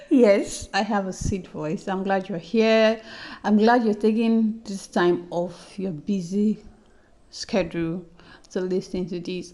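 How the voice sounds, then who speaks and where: In her personal audio journal, a young adult podcast host chats easily with listeners, frequently saying things more than once. She has a warm, medium-pitched voice.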